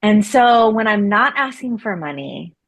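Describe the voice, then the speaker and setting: She has a mid-range voice with lively intonation and an unhurried pace. A woman in her forties from Florida, USA, and a laboratory medicine researcher, she chats casually as an interview guest, laughing easily amid many fillers and restarts.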